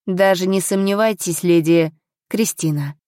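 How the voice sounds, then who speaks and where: A woman's voice: lowish voice, measured pace, darkish tone, no room sound, natural voice. A woman reading an audiobook, voicing a loyal, respectful male estate steward close to her own voice.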